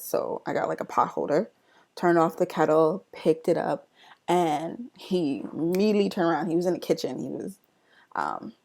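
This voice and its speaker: A young woman vlogger casually telling a story, animated, acting out quoted lines with laughter. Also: low-pitched, creaky.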